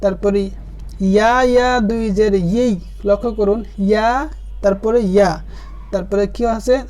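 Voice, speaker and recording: A man teaching Quran reading, spelling out each letter and vowel mark and then drawing the words out slowly and patiently. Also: sits high, fairly even intonation, dark tone. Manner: patient, addresses the viewer directly. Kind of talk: step-by-step spelling lesson.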